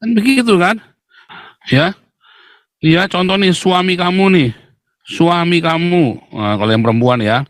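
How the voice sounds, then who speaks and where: A man's voice: high-pitched, a little slow, long pauses, dry recording. A man from Indonesia speaking, hosting a live stream of blunt, mocking religious commentary, lecturing viewers.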